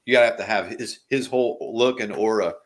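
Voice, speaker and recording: A man as a podcast guest in casual chat, relaxed and swearing casually. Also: on the low side, a little fast.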